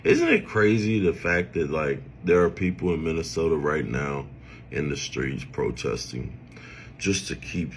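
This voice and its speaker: Deep slow scornful man. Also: slight background noise. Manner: scornful, blunt. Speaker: commentator. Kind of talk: political commentary.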